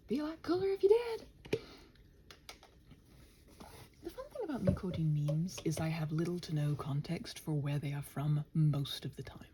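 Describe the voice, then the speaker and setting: A mellow, scattered woman hosting a channel mutters to herself in lively swoops while working, in casual body-doubling ASMR chat that often drops into whispers. She playfully talks to the computer and quotes imagined exchanges, using a low voice at a moderate pace with frequent pauses and a little hiss or hum.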